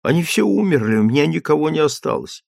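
A man's voice: fairly high pitch, big pitch swings, fast talker, gravelly, a little mellow, dry recording, clean studio sound, heavily acted. A man doing a frightened young peasant mother. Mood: sad. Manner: timid, faltering. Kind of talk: audiobook character voice.

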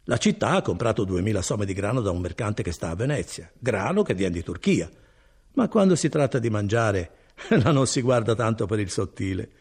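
A man's voice: normal speed, slightly rough. A man voicing a good-hearted, talkative male cousin and foreman in an audiobook reading. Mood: chatty. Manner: chatty and animated, swinging between high and low.

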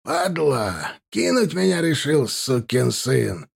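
A man doing an enraged gravelly crime boss. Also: mid-range voice, animated, slow pace, full character voice. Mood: furious. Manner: shouting curses, gravelly and raspy.

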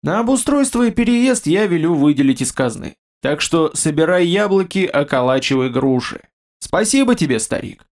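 A man's voice: a little high, big pitch swings, normal speed. Storybook king, blunt and ironic, talks plainly to commoners, as a narrator puts him on. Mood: jovial. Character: gruff young male king, boastful and blunt.

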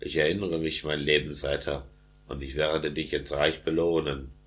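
Storybook tsar, commanding and solemn, read by a man, very low and flat. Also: normal speed. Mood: stern. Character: great orthodox tsar, stern older man.

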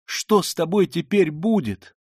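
A man's voice: sits high, expressive, a little slow, husky, dry recording, clean studio sound, pitched above the performer's own voice, full character voice. A man reading an audiobook, voicing a meek, pious young woman who pleads in trembling outbursts. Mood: despairing.

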